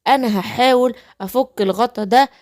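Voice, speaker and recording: A woman with an Egyptian accent voicing a wise, calm old leader of tiny blue creatures. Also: a little high, moderate pace, natural voice. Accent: Egyptian Arabic. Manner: calming, reassuring.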